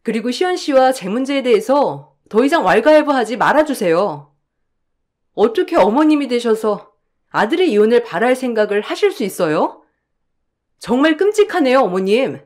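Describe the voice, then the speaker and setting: A woman's voice: on the high side, very animated, measured pace. A woman playing a hurt, indignant young wife. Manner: emotional, protesting.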